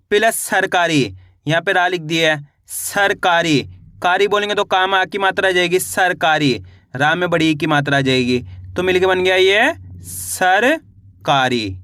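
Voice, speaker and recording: A man with a high, bright voice gives a reading lesson, breaking words into single syllables and drawing each one out. He asks a question and answers it himself a beat later. The sound is close and dry, with no room around it. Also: dry recording. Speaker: Hindi reading teacher. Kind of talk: spelling lesson.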